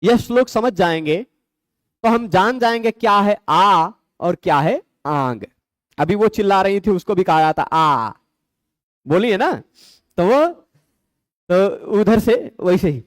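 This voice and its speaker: A male Sanskrit grammar teacher gives an explanatory lecture, building his points patiently, asking and answering his own questions, and checking that students keep up. His expressive voice sits high and swings widely, moving slowly with frequent pauses, in a dry, close recording.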